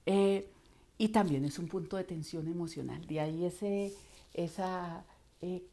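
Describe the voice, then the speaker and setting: A middle-aged Colombian woman giving an expressive talk as a voice coach, acting out voices in her stories. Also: lowish voice, measured pace. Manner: expressive, acts out voices in anecdotes. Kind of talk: instructional talk.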